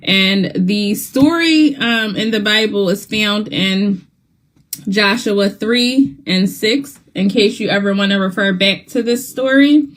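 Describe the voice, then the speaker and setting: A woman hosting a children's Bible club livestream in a casual, halting way, her mouth slightly numb from dental work. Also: medium pitch. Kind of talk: casual livestream welcome to young viewers.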